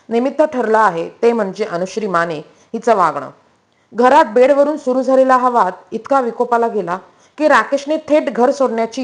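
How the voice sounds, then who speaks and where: A woman narrating a scripted entertainment news voice-over in a brisk, even newsreader manner. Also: a little high.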